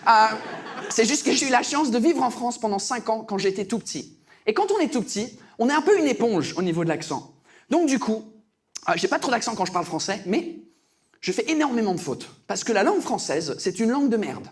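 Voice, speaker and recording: A man from England performing a stand-up comedy set, animated and mocking, laughing at his own jokes. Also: high voice, a little fast.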